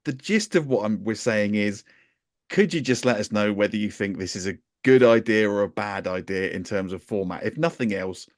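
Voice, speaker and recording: A man's voice: fairly low pitch, moderate pace, no room sound, studio quality. A man co-hosting a podcast in casual banter, rambling and restarting his sentences with chuckles. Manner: rambling, self-interrupting, chuckling. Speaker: podcast co-host.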